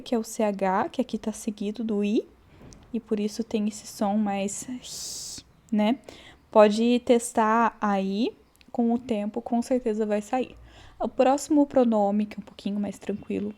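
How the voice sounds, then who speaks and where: Woman, language teacher, warm mellow tone, patient, repeats words slowly, casual lesson. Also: fairly high pitch. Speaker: German teacher. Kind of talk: relaxed online language lesson.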